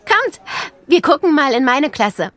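Brief: woman voicing cheerful third-grade girl in an audiobook, high and lively, bubbly. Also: unhurried, slight background noise, heavily acted. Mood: eager. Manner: eager, bright and bubbly. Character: chatty cheerful schoolgirl guide, third grader.

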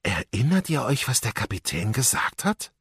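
A man's voice: medium pitch, very animated, normal speed, a bit bright, husky, no room sound, clean studio sound, voice pushed up, exaggerated voice. A man voicing a clever, bespectacled young boy who explains his ideas eagerly in a raised voice. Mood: thoughtful.

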